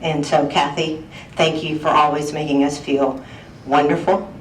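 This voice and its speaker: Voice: mid-range voice, flat delivery, measured pace. A head of HR giving an earnest, emotional tribute at a colleague's retirement party. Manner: earnest and emotional, holding back tears. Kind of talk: heartfelt farewell speech. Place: large indoor room at an office party. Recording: echoey room recorded from far off, faint noise.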